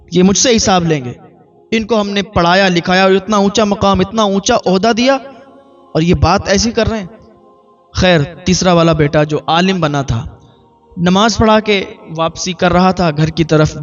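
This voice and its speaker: A man preaching a sermon as a maulana, telling a moral story with emotive repetition. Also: high voice. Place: mosque. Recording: dull lo-fi with faint music.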